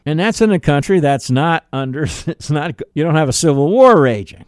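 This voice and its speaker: A man's voice: a little high, big pitch swings, normal speed, darkish tone, clear, resonant tone, no room sound, clean studio sound. A middle-aged man from the United States hosting a political commentary monologue, emphatic and full of rhetorical questions. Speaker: radio talk show host.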